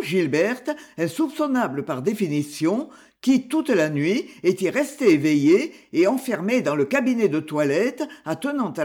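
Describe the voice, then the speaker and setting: A self-assured young gentleman detective lays out his deductions step by step, voiced by an audiobook reader. His delivery is measured, with a lively, rising and falling pitch, and the voice sits mid-range. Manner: measured, explanatory storytelling. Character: confident gentleman detective, young adult man. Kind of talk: audiobook character reading.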